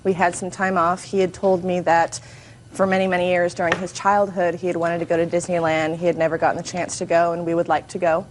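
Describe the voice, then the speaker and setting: A woman's voice: lowish voice, flat delivery, a little fast, slight background noise, low-quality recording. A woman in her twenties testifying as a plaintiff in a TV courtroom, restrained, deferential and careful with her words. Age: 20s.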